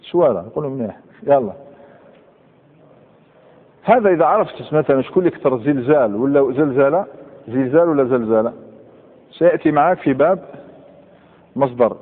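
A man with an Algerian Arabic accent teaching grammar in a classroom lecture, quizzing students and reciting verb patterns slowly. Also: medium pitch, expressive. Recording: tinny, echoey hall recording.

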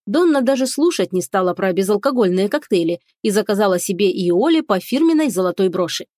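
A woman narrating a fantasy audiobook in a steady storytelling manner. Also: mid-range voice, a little fast, no echo, clean studio sound.

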